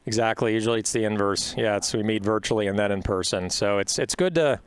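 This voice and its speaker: In a dry, clean-toned recording, a lowish-voiced man talks fast while hosting a studio podcast interview. He comes across as cheerful and chatty, leaning heavily on fillers such as "uh."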